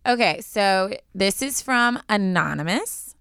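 A young woman co-hosting a podcast, chatting casually in an excitable, bubbly, colloquial way. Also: mid-range voice, slow pace, clean tone, dry recording, studio quality. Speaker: podcast co-host. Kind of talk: casual chat.

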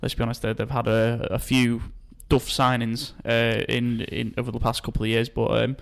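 A man hosting a football transfer podcast in casual chat, talking in quick, halting bursts with many restarts. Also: mid-range voice, little pitch movement, vocal fry. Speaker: podcast host.

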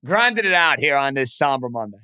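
A man's voice: medium pitch, sing-song, brisk, sharp tone, clean tone. A man hosting a sports podcast, giving conversational betting commentary in emphatic, punchy short phrases.

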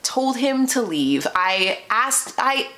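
A woman's voice: a little high, sing-song, slow, pushed and bright. Chatty woman telling dating stories. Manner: chatty, filler-heavy, confiding. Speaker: podcast host. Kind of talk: casual storytime chat.

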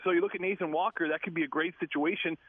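Male phone-in guest analyst, fast and eager, slightly high voice, tinny line. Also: steady tone, slightly rough, no echo. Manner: rapid, eager, with many fillers. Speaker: former player as guest analyst. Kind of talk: sports radio analysis.

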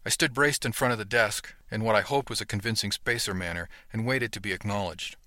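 Brief: male audiobook narrator, low voice, dry close studio sound, earnest. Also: a little fast, bright, forceful tone, dry recording. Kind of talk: first-person audiobook narration.

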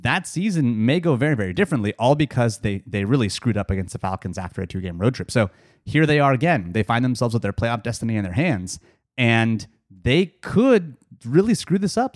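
A man's voice: medium pitch, darkish tone, no room sound, clean studio sound. A man hosting a casual sports podcast, a bit nasal from seasonal allergies, chatty and joking. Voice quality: nasal from cedar fever. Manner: chatty, joking, loose fillers and laughs. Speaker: podcast host.

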